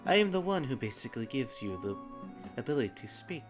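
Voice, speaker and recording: A man's voice: medium pitch, sing-song, quick pace, over music, natural voice. A man voicing a short winged goddess in a tabletop game, composed, stately and self-important. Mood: proud, declaring. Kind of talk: tabletop role-play.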